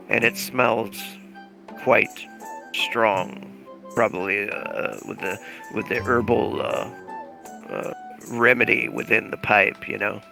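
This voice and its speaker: A man's voice: lowish voice, vocal fry, bright, forceful tone. A man narrating as game master of a tabletop role-playing game, telling it in a loose, rambling way with many fillers.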